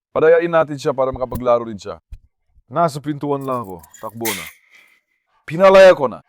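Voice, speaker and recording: A man's voice: medium pitch, no echo. Man chatting to his dogs, dry close mic. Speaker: pet vlogger. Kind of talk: casual vlog narration to the camera.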